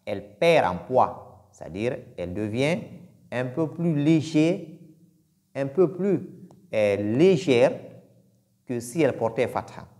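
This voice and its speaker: Slow, lively-pitched male recitation teacher. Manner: deliberate, repeats sounds to demonstrate them. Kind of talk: pronunciation lesson.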